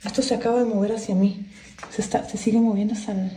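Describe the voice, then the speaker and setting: At night in a dark bedroom, a woman films herself on a handheld phone, nervously addressing viewers and calling out into the house in a casual video. Her voice is medium-pitched and warm, quick, with fairly even intonation, and the room sounds echoey with a faint hiss.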